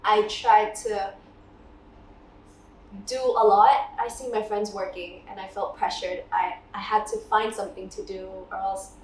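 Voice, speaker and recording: A woman's voice: mid-range voice, steady tone, unhurried, slight background noise. Casual young woman, roomy and distant. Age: 20s. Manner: casual, laughs often, mixes in Thai words. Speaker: singer-songwriter guest. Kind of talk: relaxed interview talk. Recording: roomy, mic set back, music behind.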